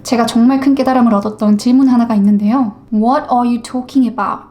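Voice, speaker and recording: A woman's voice: fairly high pitch, fairly even intonation, normal speed, mellow. Upbeat woman explaining English listening. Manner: talks straight to viewers, mimics English pronunciations to contrast them. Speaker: English-learning YouTuber. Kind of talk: casual explanatory lesson.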